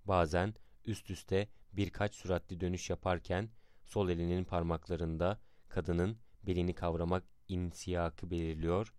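A man narrating a historical account in a measured, dramatic reading style. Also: deep voice, level tone, a little mellow, smooth, dry recording, clean studio sound.

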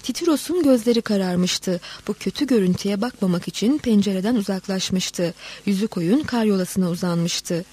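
A woman narrating a literary story in a steady, dramatic reading voice. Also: medium pitch, normal speed, hardly any pauses, slightly rough.

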